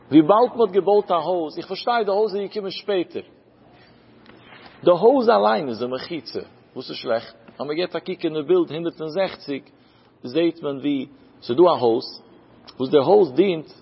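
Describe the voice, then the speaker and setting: This Talmud teacher speaks in a fairly high, slightly rough voice, walking through the material step by step and posing questions he then answers. The recording is lo-fi, with long reverb from the hall.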